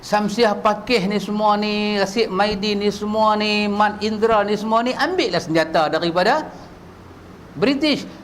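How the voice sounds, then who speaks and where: A male preacher, giving a religious lecture full of rhetorical questions that climb from low asides to high shouted peaks. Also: a little slow, a little hiss or hum. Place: mosque prayer hall.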